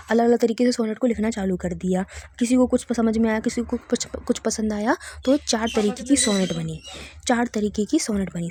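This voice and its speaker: A woman's voice: a little high, dark tone, slight background noise. Woman teaching a literature lesson. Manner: checks in with listeners often, repeats key terms.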